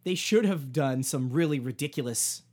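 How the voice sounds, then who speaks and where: A man co-hosting a podcast in casual chat, thoughtfully pitching comedy ideas at length. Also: animated, normal speed, darkish tone. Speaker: podcast co-host.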